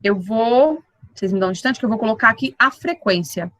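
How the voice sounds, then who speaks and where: A woman teaching an English class online, with slow explanations, repeated model words and frequent checks with her students. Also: on the high side, animated, a bit bright, dry recording, rough recording. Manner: checks in with the class often with tag questions.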